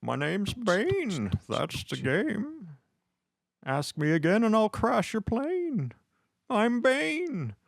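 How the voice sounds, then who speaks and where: A mock movie villain, pitched far up and stretched out slow, chanting a rhyme, as a man puts him on. The voice is dry and close. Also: wildly swooping pitch, creaky, no room sound, exaggerated voice. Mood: menacing. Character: male movie villain doing a menacing rhyme. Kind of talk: podcast banter.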